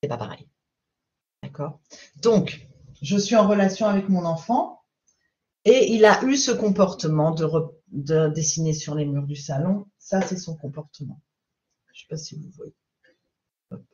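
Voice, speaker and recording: A woman parenting coach giving a live-streamed talk. She explains calmly and patiently and keeps checking in with her viewers. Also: low voice, unhurried, long pauses, highs cut off.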